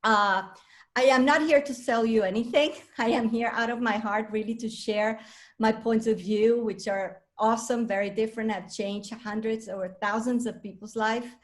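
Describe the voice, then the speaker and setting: A self-assured woman in her fifties, from Venezuela, speaks to a live audience as a coach. She is enthusiastic and chatty, often restarting her sentences. Her voice sits a little high. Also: fairly even intonation, normal speed.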